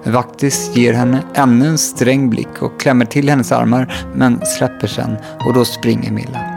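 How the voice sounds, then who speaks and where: A man reading a children's book aloud in a calm, even storytelling manner. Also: mid-range voice, creaky, over music. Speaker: audiobook narrator.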